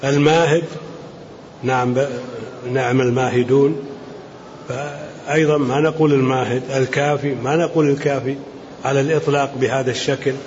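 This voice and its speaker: An older man from Saudi Arabia, an Islamic scholar answering questions in a measured, explanatory lecture, reading each question aloud and then rebutting it. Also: mid-range voice, fairly even intonation, a little mellow. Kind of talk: religious Q&A lecture. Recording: muffled lo-fi lecture recording with faint hiss.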